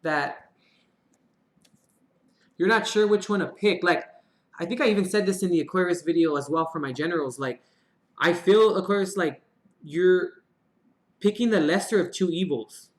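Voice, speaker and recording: A man's voice: sits high, moderate pace, pauses often. Chatty man reading tarot in an echoey room. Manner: chatty, swears casually, murmured prayers to draw cards. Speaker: tarot reader. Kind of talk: casual live-stream tarot reading. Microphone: live-stream mic.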